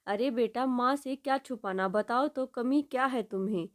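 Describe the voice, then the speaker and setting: A woman storyteller voicing a caring middle-aged mother who speaks softly and soothingly to her grown daughter in a told story. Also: a little high, normal speed, lightly acted. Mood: tender.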